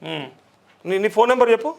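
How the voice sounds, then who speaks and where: A man's voice: high-pitched, animated, fast, gravelly, a little hiss or hum. A male journalist, interviewing people on the spot, coaxing them and repeating their answers back.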